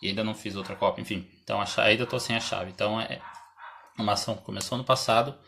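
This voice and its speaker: A Brazilian man teaching English in a live stream, explaining slowly, reading example sentences aloud, clearing his throat often and answering viewers' questions. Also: lowish voice, fairly even intonation, pushed and bright, a little hiss or hum. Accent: Brazilian Portuguese. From Santa Catarina, Brazil.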